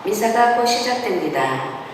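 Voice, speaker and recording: A woman leading church liturgy with solemn, measured, formal delivery, her voice carrying a cathedral echo. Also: fairly high pitch, lively intonation. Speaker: church prayer leader and commentator. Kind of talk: formal liturgical recitation and announcements. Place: large church interior. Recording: echoey church hall, distant, noisy.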